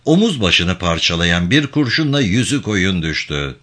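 A man reads a war novel aloud as audiobook narration, with a low, bright voice. His reading is dramatic and expressive, rising and falling widely in pitch. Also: normal speed.

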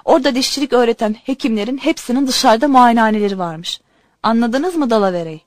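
A woman reading a humorous story aloud in an expressive, conversational way. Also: fairly high pitch, fast, dry recording, studio quality. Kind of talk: storytelling narration.

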